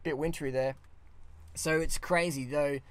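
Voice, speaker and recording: Parked in his car, a young Australian vlogger rants bluntly into a dashboard camera, swearing often and gesturing animatedly with his hands. His voice sits on the high side, the pace is measured, and the recording is dry.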